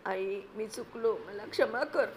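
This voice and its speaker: A woman reading aloud, voicing a frightened young boy who is crying and speaks softly and tremblingly. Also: medium pitch, a little slow, a little hiss or hum, lightly acted. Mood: tearful. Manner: tearful, trembling, soft.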